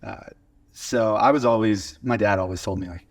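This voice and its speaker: This podcast guest, a video studio owner in his 20s, speaks in a lowish voice at a moderate pace with an American accent. Originally from a small Oklahoma town, he chats and tells stories casually from a converted garage video studio.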